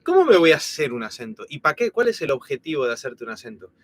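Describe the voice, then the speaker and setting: An Argentine man in his thirties, whose accent has been softened by years in Spain, co-hosts a live stream, chatting casually with many fillers and restarts. He talks fast, on the high side, with big pitch swings.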